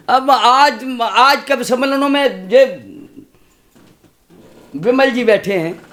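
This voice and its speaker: A man in his sixties, a comic poet reciting humorous verse on stage in a slow, sing-song way with chatty asides to the audience. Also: extremely high pitch, fairly bright tone. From India. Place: stage at a poetry gathering.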